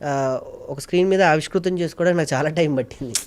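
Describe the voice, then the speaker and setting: A male mimicry artist and actor speaks in a casual interview. His voice sits a little high for a man. He comes across as earnest and reflective, and his manner is polite. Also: rapid-fire, a little hiss or hum.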